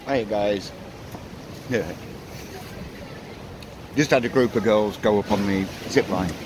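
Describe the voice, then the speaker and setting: A man's voice: lowish voice, takes it slowly. An older man chatting casually to viewers in an outdoor fishing vlog, with wind on the mic. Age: older, around 50s to 60s. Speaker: angler vlogger. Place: outdoors on a windy seaside pier. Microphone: handheld or tripod-mounted phone. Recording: loud wind buffeting the mic. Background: wind and sea noise.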